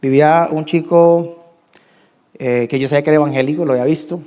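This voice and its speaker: A man in his thirties with a Colombian Spanish accent, telling his testimony in a sermon, swinging between hushed confession and emphatic peaks. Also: fairly even intonation, a little fast, long reverb tail. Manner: emotional storytelling, dropping to hushed tones and rising to emphatic highs. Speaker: preacher.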